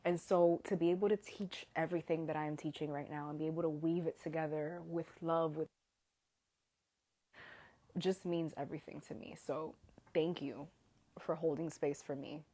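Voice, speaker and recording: A woman's voice: low voice, fairly even intonation, normal speed, dark tone. Earnest woman on a heartfelt live stream. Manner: heartfelt, earnest, drops to whispers when moved. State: holding back tears. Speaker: host of an Instagram Live. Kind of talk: emotional casual live stream talk.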